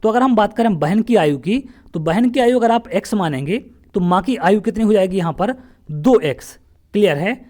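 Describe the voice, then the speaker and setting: Speaking in a mid-range, slightly mellow voice, a central Indian math teacher goes through past exam questions one step at a time. It's an exam-prep lesson where he keeps raising questions and answering them straight away.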